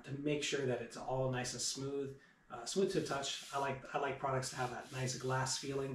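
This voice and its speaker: Man, 30s, shop owner doing a relaxed how-to with filler words; distant camera mic, echoey room, faint noise. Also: mid-range voice. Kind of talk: casual how-to demonstration. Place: home woodworking shop, indoors. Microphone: far camera.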